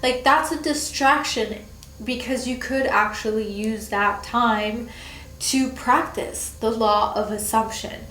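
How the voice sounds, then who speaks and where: Speaking slowly in a rather high, sharp voice, this young channel host sounds congested and nasal with a cold as she talks to camera. Her chat is full of fillers and broken up by laughter, captured in a reverberant, low-quality recording.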